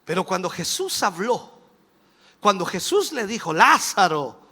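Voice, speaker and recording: A man with a Chilean accent preaching a televised sermon as a bishop, dramatic and animated, dropping to a hush and then rising to a shout. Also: high-pitched, measured pace, husky. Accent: Chilean Spanish.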